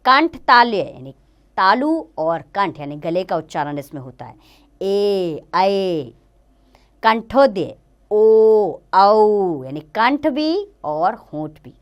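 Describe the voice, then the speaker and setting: A woman teacher giving a grammar lesson to children, slowly sounding out letters one by one. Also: on the low side.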